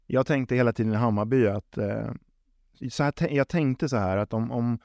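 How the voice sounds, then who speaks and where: A football club sporting executive answers interview questions conversationally, often repeating and rephrasing words as he reasons things through. His voice is low, gravelly, and a little mellow, captured with clean studio sound and no room sound.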